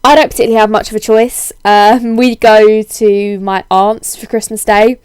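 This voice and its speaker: A young woman with a cold-hoarsened voice, chatting casually in a rambling, self-deprecating way as a video blogger. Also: mid-range voice, flat delivery, moderate pace, a little mellow, no room sound. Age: young adult. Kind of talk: casual chatty vlog, answering tag questions.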